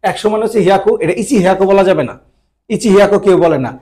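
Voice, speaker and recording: A man's voice: sits high, very fast, warm tone. A man teaching a language lesson, speaking patiently and repeating each term, often checking that students follow. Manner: patient, repeats terms and checks "ঠিক আছে?".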